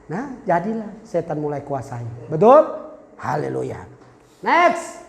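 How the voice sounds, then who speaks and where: A man preaching a sermon in a church, telling lively stories full of acted-out dialogue and jokes. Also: on the high side, slow pace, creaky, echoey room, in a large hall. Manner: animated storytelling, acting out dialogue and jokes. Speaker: pastor.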